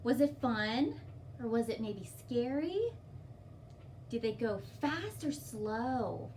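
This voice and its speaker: Hosting story time for little kids, a woman reads a picture book with simple explanations and encouraging questions. Her voice is fairly high but darkish in tone, expressive, and slow. The distant microphone captures faint background noise.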